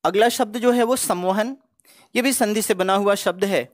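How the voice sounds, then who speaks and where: A man's voice: sits high, moderate pace, dry recording, clean studio sound. A man teaching Hindi spelling for exam preparation, going word by word in a methodical, explanatory way. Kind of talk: exam-prep spelling lesson.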